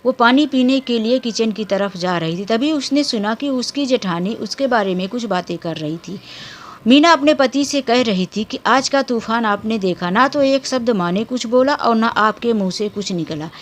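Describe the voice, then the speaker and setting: A woman narrating a dramatic family story in an unhurried, emotional storytelling manner. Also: a little high, lively intonation.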